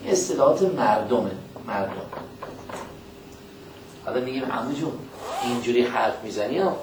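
A man preaching a religious lecture, speaking in a folksy way, questioning his listeners directly and quoting scripture in a slow, measured cadence. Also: medium pitch, animated, background noise.

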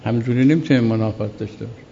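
Man lecturing slowly in a reverberant room. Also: medium pitch, vocal fry, mellow, lo-fi sound, slight background noise. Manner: reads Arabic text slowly, then explains by repeating himself. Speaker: teacher of Islamic law. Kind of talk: classroom lecture on a legal text.

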